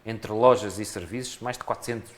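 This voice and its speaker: This man is a local election candidate with a European Portuguese accent. He answers radio interview questions earnestly and fairly quickly, often restarting his phrases. His voice is lowish, with slight background noise.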